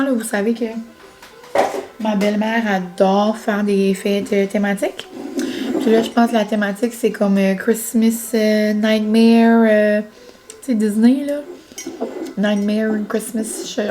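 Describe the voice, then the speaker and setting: Against a noisy background, a young woman with a mid-range voice chats casually to camera for her vlog audience. Her talk is peppered with fillers and English words.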